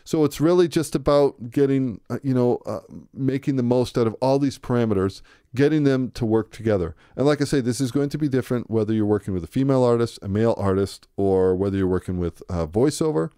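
A man giving a relaxed, conversational music production tutorial, thinking aloud as he works. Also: medium pitch, fairly quick, clean tone, no room sound, studio quality. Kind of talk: screen-recorded software tutorial. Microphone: close to a studio microphone.

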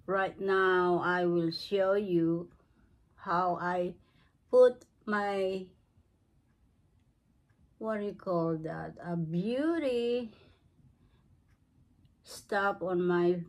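A woman in her seventies giving an unscripted beauty tutorial at home, speaking slowly and often searching for words. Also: lowish voice. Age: 70s. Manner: slow, searching for words, non-native phrasing. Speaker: craft and beauty vlogger. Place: cluttered living room at home.

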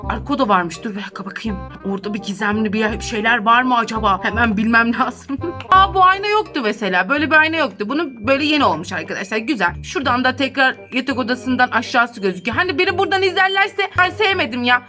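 Giggly high-voiced woman touring a game. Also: expressive, fast talker, pushed and bright. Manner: chatty, giggles often. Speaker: gaming video host. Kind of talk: casual gameplay tour commentary. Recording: background music under voice.

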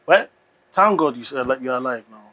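An actor playing a polite, friendly shopkeeper who speaks deferentially. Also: male voice, medium pitch, lively intonation, normal speed, bright, forceful tone.

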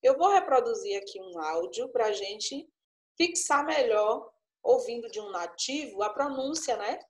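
A woman's voice: a little high, expressive, a little slow, darkish tone, reverberant. A woman teaching an English lesson, explaining patiently and checking in with frequent little questions. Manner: coaxing, frequent tag questions. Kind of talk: online class explanation.

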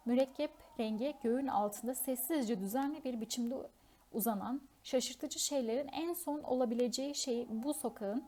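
A woman reads a fantasy novel aloud for an audiobook in a steady, expressive voice that sits fairly high. She stumbles on a word now and then and picks the reading straight back up. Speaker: audiobook reader. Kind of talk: storybook audiobook narration.

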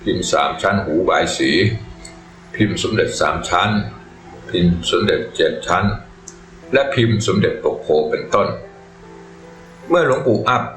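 Low-voiced guy telling a monk's life story slow and reverent, roomy echo, soft music under it. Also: animated. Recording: echoey room with faint music. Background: faint music.

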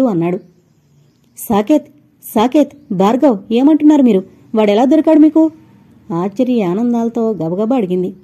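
Female audiobook narrator with a mellow, breathy tone, reading a novel and voicing its people herself. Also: medium pitch, highs cut off. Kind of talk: scripted novel narration with character dialogue.

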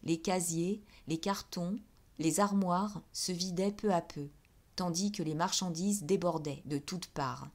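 A woman reading a classic novel aloud as an audiobook in a measured, steady way. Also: lowish voice. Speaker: audiobook reader.

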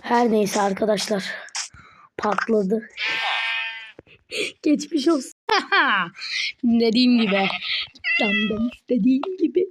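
High, sing-song woman playing a game. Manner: playful and mischievous, drawn-out words, giggles often. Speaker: gaming channel host. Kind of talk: Minecraft let's play commentary. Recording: steady background noise.

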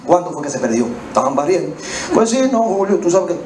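A Dominican man doing live stand-up comedy on a small theater stage with a handheld mic, animated and slangy, slipping into voices. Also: a little high, fast, distant mic. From Dominican Republic. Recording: echoey hall, mic heard from afar, loud noise.

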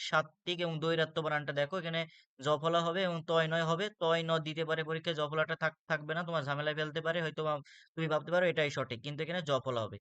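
A man's voice: fairly high pitch, sharp tone, smooth, dry recording. A man with a Bangladeshi Bengali accent teaching a spelling lesson for exam students, explaining step by step and repeating words with frequent "ah" fillers.

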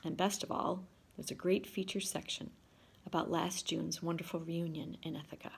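Gravelly older woman reading remarks. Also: lowish voice, little pitch movement. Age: 60s. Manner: measured, reading from notes. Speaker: class officer. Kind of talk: prepared remarks. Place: home living room, indoors. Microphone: video call, laptop camera.

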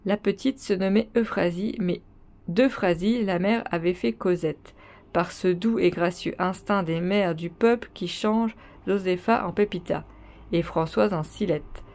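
Low gravelly woman reading a novel aloud. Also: unhurried, darkish tone. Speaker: reader.

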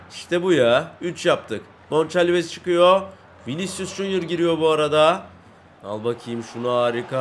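A young man giving live commentary while playing a football video game, excitable and boastful, shouting at his teammates and chanting when he scores. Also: a little high, slight background noise. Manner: excitable, bursts into shouts and sing-song chants at goals; brags and grumbles at teammates.

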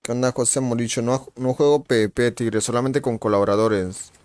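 At a brisk pace and middle pitch, a man with a clean, echo-free tone hosts a casual gaming live stream. He trades slangy banter, welcomes viewers individually by name, and reacts out loud to the on-screen fight.

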